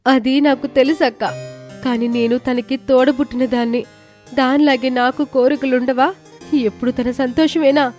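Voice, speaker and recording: A woman plays a young woman who has raised her sister alone, in an audio story. She talks earnestly, with a slightly high, pleading tone. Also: steady tone, moderate pace, darkish tone, faint music behind, lightly acted. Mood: hurt. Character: responsible young woman, caring older sister.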